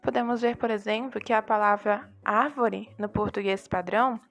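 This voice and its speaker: A woman's voice: mid-range voice, fairly even intonation, moderate pace, fairly bright tone, soft background music. A young woman, a student, explaining a book chapter to her class with rhetorical questions. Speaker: student presenting a group assignment. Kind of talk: class presentation.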